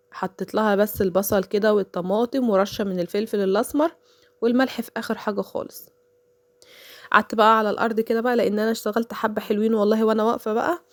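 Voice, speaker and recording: A woman's voice: mid-range voice, no room sound. A woman in her thirties with an Egyptian accent, a mother chatting casually through a home cooking voice-over and telling stories sprinkled with religious phrases. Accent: Egyptian Arabic.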